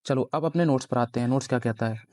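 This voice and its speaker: A man's voice: medium pitch, very fast, a little mellow, no echo, studio quality. A young man teaching a grammar lesson at a board, explaining step by step and constantly quizzing his students. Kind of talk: classroom grammar lecture at a board.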